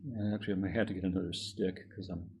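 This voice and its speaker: A man's voice: low-pitched, fairly even intonation, quick pace, a little mellow, a little hiss or hum. A man casually narrating a hot-glue craft project, rambling and correcting himself as he works. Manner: rambling, self-correcting, chuckles at own jokes. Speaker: craft vlogger.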